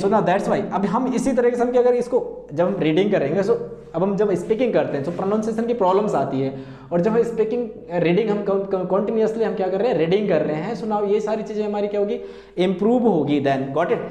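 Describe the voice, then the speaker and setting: A man with an Indian accent teaches a class in a room with a strong echo. His voice sits high for a man but has a dark, mellow tone. He repeats words over and over and keeps asking his students questions. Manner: mixes Hindi and English, repeats words and asks the class questions. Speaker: English teacher. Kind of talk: classroom lesson.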